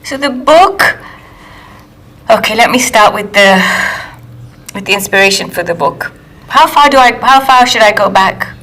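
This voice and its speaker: A woman from Kenya, an author and editor speaking in a measured, careful way during a recorded interview with retakes. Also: mid-range voice, animated, fairly bright tone. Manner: measured, careful, restarts lines.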